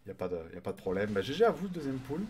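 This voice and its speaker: A man casting a live online game tournament, chatty and excitable, greeting viewers and swearing casually. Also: medium pitch, rapid-fire, breathy edge. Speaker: tournament caster and streamer.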